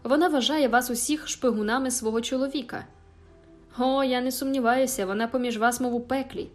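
Woman reading as brooding vengeful man, menacing, commanding, fairly high pitch, storybook reading. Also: steady tone, fairly quick, faint music behind, close to an everyday voice. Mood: scornful. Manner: menacing, commanding, louder than narration.

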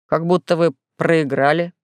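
A woman voicing a cheerful, playful male alien star traveler in an audiobook, speaking in a lowered, coaxing tone. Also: fairly even intonation, a little slow, dry recording. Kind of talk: audiobook character voice.

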